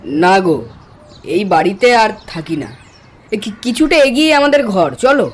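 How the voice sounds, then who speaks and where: An actor voices a hospitable, insistent village man hosting his junior colleague in a horror cartoon, with background music behind him. His high-sitting voice is animated, a little slow, and slightly rough. The heavily acted delivery is chatty, coaxing, and folksy.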